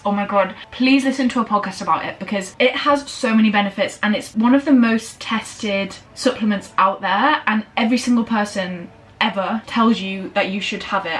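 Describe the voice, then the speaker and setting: Bubbly young woman vlogging. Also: medium pitch. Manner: rambling, bubbly, fast and breathless after exercise. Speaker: lifestyle vlogger. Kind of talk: casual chatty vlog. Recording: slightly distant camera audio with faint room noise.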